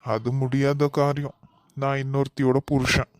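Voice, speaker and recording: A man's voice: mid-range voice, level tone, normal speed, no echo, natural voice. A man voicing a married young cartoon man with a Kanyakumari Tamil accent, firmly turning away his ex. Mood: cold, firm. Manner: firm, exasperated, then coaxing. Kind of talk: cartoon voice acting.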